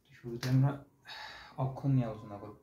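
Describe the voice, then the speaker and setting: Quick-paced and steady, his mid-range voice has a dark tone. The speaker, a young man from Bangladesh, patiently runs an online exam-prep lecture, repeating material and stretching out syllables to show them. It was recorded at home, sounding dull and roomy with faint hiss.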